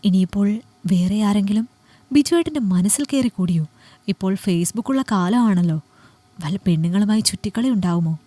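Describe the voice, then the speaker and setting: A woman's voice: mid-range voice, expressive, normal speed, warm tone, dry recording, natural voice. A woman voicing a hurt young housewife who pleads with her husband and broods over his coldness in an audiobook story. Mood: brooding.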